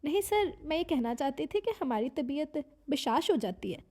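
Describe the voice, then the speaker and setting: A woman's voice: high voice, big pitch swings, normal speed, dark tone, voice pushed up. A woman narrator voicing a flustered, talkative young woman secretary in a romance story read aloud.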